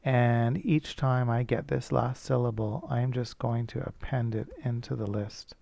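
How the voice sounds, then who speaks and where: A man's voice: mid-range voice, steady tone, measured pace, creaky, mellow. A male teacher thinking aloud as he works through a coding problem, casual and self-correcting. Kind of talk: screencast coding lesson.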